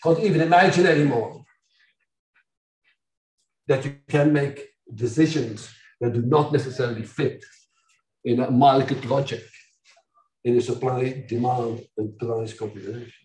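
An older man from Belgium lectures to a room of students, sliding from dry irony into loud outbursts. His pitch sits in the middle of the male range. The recording comes from a distance, and the hall echoes around him. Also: measured pace, pauses often. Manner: animated, ironic, mocking asides with sudden loud outbursts. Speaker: university lecturer. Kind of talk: academic lecture.

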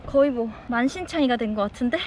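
High-pitched woman chatting to herself on a vlog. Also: fast talker. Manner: muttering asides to herself. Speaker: solo travel vlogger. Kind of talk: casual vlog chat, often talking to herself. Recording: noisy street and vehicle ambience. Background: outdoor and vehicle noise.

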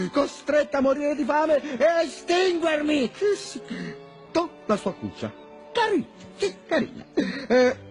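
An actor playing a hungry, scheming wolf in a children's TV fantasy, grandiose, self-pitying and full of exclamations. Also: male voice, very high-pitched. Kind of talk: theatrical children's television acting. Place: indoor television studio set.

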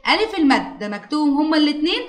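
A woman's voice: sits high, sing-song, very fast, echoey room. A woman teacher with an Egyptian Arabic accent, coaxing a pupil through a lesson with questions and praise. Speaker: primary school teacher.

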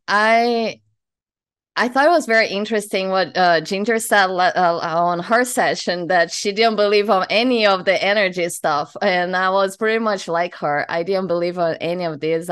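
A Brazilian woman in her thirties with a Brazilian Portuguese accent introduces herself on a video call as a hypnotherapist host, speaking through headphones. Her mid-range, clean voice moves at a normal speed as she chats in a friendly way, laughs easily, and makes small slips in English.

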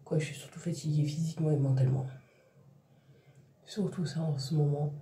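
A tired mother vlogging casually to her viewers vents in restarts and trailing phrases. Her voice is low and dark, fairly quick with fairly even intonation, and carries a little hiss or hum. The room echoes and she sits a bit far from the mic.

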